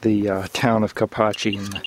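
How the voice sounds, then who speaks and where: A man narrating outdoors on site as he takes and explains measurements, calm and explanatory with frequent fillers. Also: fairly low pitch, fairly quick. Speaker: field researcher measuring radiation. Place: outdoors in overgrown field. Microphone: handheld camera mic. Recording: loud clicking noise behind. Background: Geiger counter clicks.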